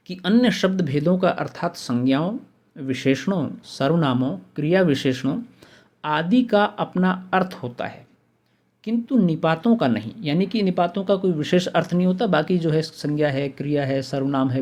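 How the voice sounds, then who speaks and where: A man's voice: fairly high pitch, a little mellow. A man teaching a Hindi grammar lesson, methodically listing examples one by one and repeating the key terms.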